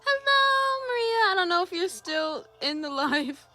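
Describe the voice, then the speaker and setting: A woman's voice: high-pitched, normal speed, sharp tone, soft background music. A young woman chatting casually on a drawing livestream, reading chat aloud and greeting viewers. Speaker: streamer.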